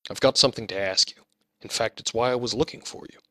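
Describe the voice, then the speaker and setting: A man's voice: mid-range voice, fast talker, pushed and bright, no echo. A man voicing a big fifteen-year-old bully boy who taunts and mocks in an audiobook. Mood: menacing. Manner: mocking, taunting.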